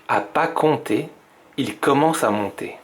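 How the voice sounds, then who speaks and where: A man from a library reading a children's picture book aloud, slow and suspenseful. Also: mid-range voice. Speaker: library storyteller.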